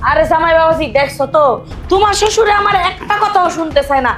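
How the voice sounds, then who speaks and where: A woman doing a shrill older mother-in-law, nagging and scolding, half deaf. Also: quick pace, over music. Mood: fussing. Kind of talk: comedy short film acting.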